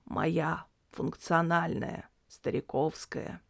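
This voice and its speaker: Reader doing a wistful old grandfather, gravelly, slow, dry sound. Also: mid-range voice, steady tone, a bit bright, no room sound, full character voice. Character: old grandfather, tired and tender.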